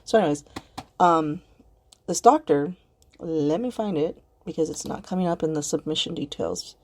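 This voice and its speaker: A woman with a fairly low voice hosts her own podcast. She talks alone and rambles, and she swears often as she gets heated and worked up. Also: moderate pace. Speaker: podcast host. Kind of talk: casual emotional monologue.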